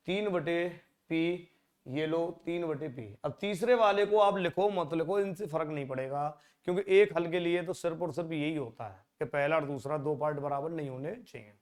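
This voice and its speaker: A man teaching exam-prep maths, his voice sitting a little high. He talks to the class conversationally, throwing out rhetorical questions and muttering quietly as he works through the sums. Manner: conversational, rhetorical questions, drops to a low mutter when working.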